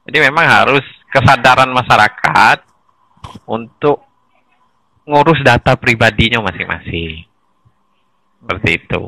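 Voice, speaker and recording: A man in a casual conversation explaining village administration, animated and often chuckling between points. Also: mid-range voice, a little slow, long pauses, no room sound, rough recording.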